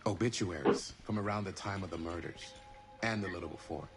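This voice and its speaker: Deep-voiced, dry young investigator. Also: male voice, fairly quick, creaky, loud music behind the voice. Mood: skeptical. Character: young man investigating old murders, dry and skeptical. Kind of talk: naturalistic video game acting.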